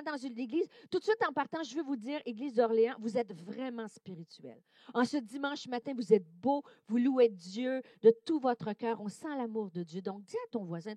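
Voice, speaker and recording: A woman with a Québécois accent, a guest preacher giving a sermon, animated and playful with many hesitations. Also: sits high, dry recording. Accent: Québécois French. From Quebec, Canada.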